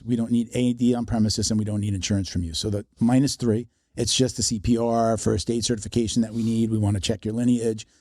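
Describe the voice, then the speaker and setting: A man's voice: medium pitch, dark tone, dry recording, clean studio sound. A man hosting a casual podcast conversation, rambling with many restarts.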